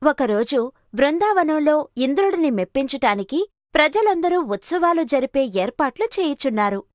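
A woman's voice: high voice, sing-song, moderate pace, no room sound, clean studio sound. A woman narrating a children's cartoon story with dramatic expression.

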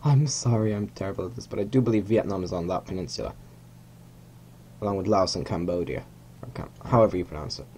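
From a small room at home, a young Hungarian man talks fast through a simulated rocket launch in casual game commentary. His fairly low voice is warm, and he rambles, corrects himself mid-sentence and throws in chuckling asides, with a faint hum in the background.

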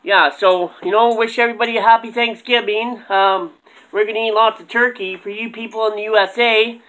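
A man's voice: sits high, steady tone, fairly quick, bright, forceful tone, poor audio. A middle-aged man with a Canadian accent, chatting casually to camera as host of a ventriloquist show. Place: small cluttered room at home.

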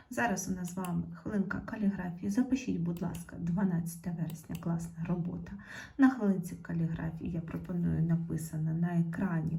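Mellow-voiced woman teaching a school lesson. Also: on the low side. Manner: clear, slow dictation of example words, addresses children. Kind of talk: online video lesson.

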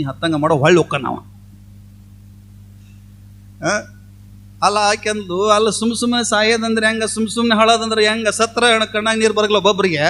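Swami guy telling a funny folk story, really high voice, does all the villagers' voices. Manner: animated, acts out voices of villagers.

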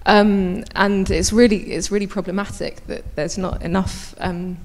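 Holding a mic on a big conference hall stage, this architect in her thirties speaks on a panel in a conversational style full of fillers and restarts. Her voice is medium in pitch and steady in tone, and her pace is a little slow. The audio carries the long reverb of the large hall.

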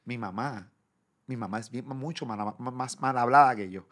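A middle-aged man with a Puerto Rican accent, hosting a casual chat and telling stories in a lively, profane way. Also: medium pitch, normal speed. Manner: animated, profane storyteller who shouts out quoted people. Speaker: podcast host.

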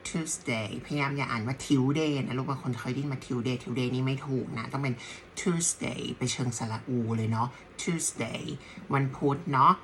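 A woman teaching a beginners' language lesson, patient and motherly, who drills each word by repeating it slowly. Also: very deep voice, a bit bright, a little hiss or hum. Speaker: English teacher.

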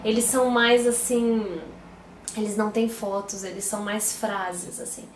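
Speaking with a Brazilian Portuguese accent, a Brazilian mom vlogger chats informally with her audience at home and keeps correcting herself mid-sentence. Her mid-range voice is steady and measured in pace; the room echoes and there's a little hiss or hum.

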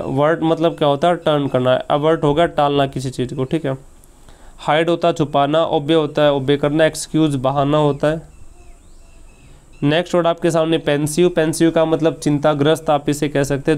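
A man teaching a vocabulary lesson in a smooth, resonant voice that sits slightly higher than most men's. He explains each word patiently and often repeats it as a question, then answers it himself. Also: a little mellow. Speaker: English teacher.

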